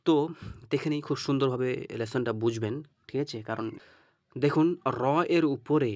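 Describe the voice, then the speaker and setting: A man's voice: mid-range voice, moderate pace, darkish tone, dry recording, clean studio sound. A man teaching Quran reading, spelling out letters and vowel marks step by step and often checking "okay?". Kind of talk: lesson on reading Arabic letters.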